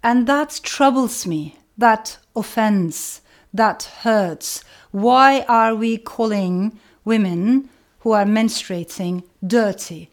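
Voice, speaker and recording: A middle-aged woman novelist whose first language is Turkish gives a reflective talk to camera. Her fairly high-pitched voice is measured and earnest, and she repeats phrases for emphasis.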